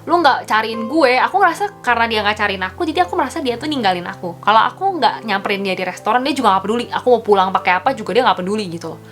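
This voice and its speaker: A woman's voice: medium pitch, animated, rapid-fire, few pauses, a bit bright, faint music behind. A woman telling a personal story in a casual, slangy vlog chat, often calling out to her viewers. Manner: chatty, slangy, addresses viewers as guys. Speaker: vlogger.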